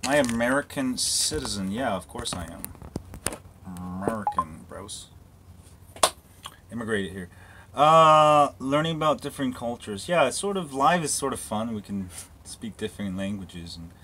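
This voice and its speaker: A man's voice: medium pitch, lively intonation, normal speed, background noise. A man live-streaming on a handheld phone, chatting loosely with viewers about phones and whatever comes up, wandering outdoors now and then. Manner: rambling, loose, full of restarts and asides. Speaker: tech live-streamer answering viewer questions. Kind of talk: casual live-stream chat. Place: walking around, partly outdoors.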